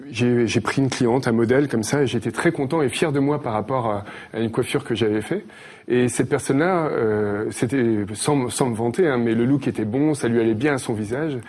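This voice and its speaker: A man's voice: medium pitch, darkish tone. A man speaking as an interview guest, explaining his trade conversationally and often searching for words. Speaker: guest, hairdresser.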